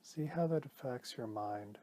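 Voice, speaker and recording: The speaker is a man teaching a guided meditation. His voice is mid-range, and his delivery is gentle, calm, measured, and broken by pauses.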